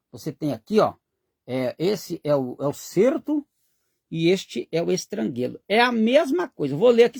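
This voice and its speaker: A man's voice: fairly high pitch, vocal fry, slightly rough, dry recording, clean studio sound. A man gives an informal lesson, explaining unhurriedly, pointing at the text and reading ancient words out carefully syllable by syllable. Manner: explains slowly, often adding "né?" and "ó" while pointing at texts. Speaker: teacher of biblical languages.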